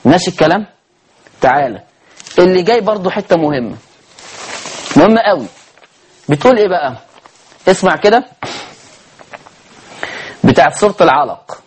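Egyptian man, high voice, tajweed teacher who quizzes his students with rhetorical questions and chants verses slowly. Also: expressive, slightly rough. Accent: Egyptian Arabic. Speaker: Quran recitation teacher. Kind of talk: tajweed lesson.

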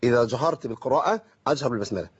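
A man with an Egyptian accent, teaching Quran recitation on a call-in lesson and explaining through rhetorical questions and slowly drawn-out examples. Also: mid-range voice, lively intonation, breathy edge, muffled recording.

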